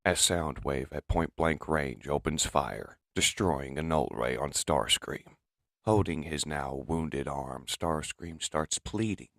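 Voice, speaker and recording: Male comic-dub narrator, very low and gravelly, with a dry close sound. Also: slow, no echo. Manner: steady, descriptive storytelling.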